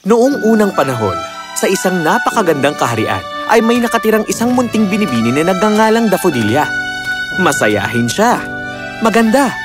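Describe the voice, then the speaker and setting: A man narrating a children's fairy tale in a slow, expressive storytelling manner. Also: high voice, over music.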